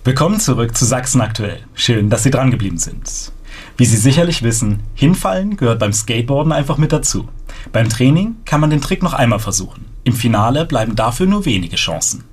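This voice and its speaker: Husky-voiced male news anchor. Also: medium pitch, very animated, a little fast. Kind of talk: scripted news presenting.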